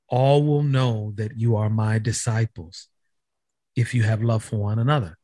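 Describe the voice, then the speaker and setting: Male podcast host, mid-pitched, slightly raspy, earnest teaching tone, dry close recording. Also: dry recording. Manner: earnest, quotes scripture. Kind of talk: interview with scripture teaching.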